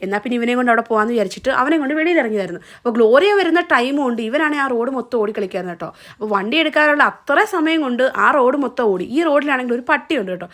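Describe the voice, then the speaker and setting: A woman's voice: on the high side, expressive, very fast, fairly bright tone. A young woman, narrating a family vlog in a chatty, casual way. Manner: chatty, often adds a tag question. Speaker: vlogger.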